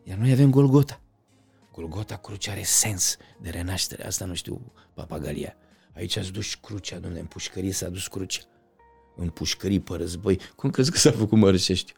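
A middle-aged man talking as an interview guest, passionate, swinging from loud outbursts to quiet reflection. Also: mid-range voice, gravelly. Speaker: podcast guest. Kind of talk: conversational interview.

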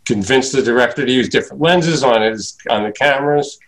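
Man, casual talk, rambling, lots of uhs, middle pitch. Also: brisk, low-quality recording. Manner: rambling, many filler "uh"s. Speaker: guest, former comedy writer and producer. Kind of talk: casual reminiscing chat.

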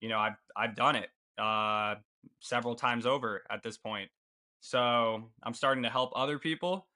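A man who is a guest on a podcast, answering casually and haltingly, with many "uh"s and restarts. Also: mid-range voice, sharp tone. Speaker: podcast guest, rental investor.

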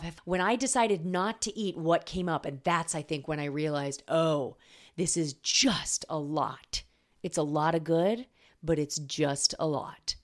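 A middle-aged woman hosting a podcast as a weight-loss coach, telling a personal story in an earnest solo monologue. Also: lowish voice.

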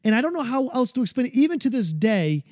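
A man in his forties with a high, mellow voice talks through his own story in an earnest, searching way. He often reaches for the right words. The sound is dry and close. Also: very animated, quick pace, no echo. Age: 40s. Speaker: speaker sharing his mental health story. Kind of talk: personal storytelling monologue.

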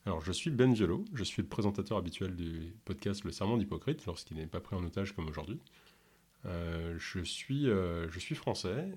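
A man from Ontario who speaks French with no accent, answering interview questions in a halting way with many fillers. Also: sits low, animated, darkish tone, breathy edge. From Canada, Ontario. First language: English. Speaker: podcast host and health coach.

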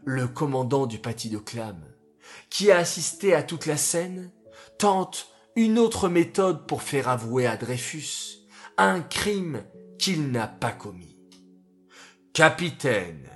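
Slow, dramatic storyteller man for children. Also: on the high side, animated. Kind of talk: scripted storybook narration. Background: faint music.

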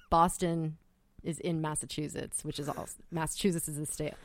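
A woman's voice: deep voice, level tone, moderate pace, slight background noise. A young woman co-hosting a podcast in casual chat, skeptical, wry and blunt, with casual swearing. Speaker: podcast co-host.

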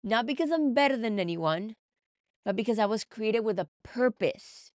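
A woman's voice: a little high, smooth, no echo, clean studio sound. Earnest woman giving a motivational talk. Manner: earnest, emphatic, encouraging. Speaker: podcast host and mindset coach. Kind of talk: motivational podcast monologue.

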